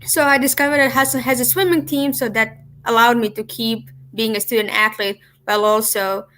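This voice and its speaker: Bright-voiced young woman from Serbia. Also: fairly high pitch, steady tone, fairly quick. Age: young adult. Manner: earnest, eager to share. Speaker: university student. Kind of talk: casual interview answers. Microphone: video call.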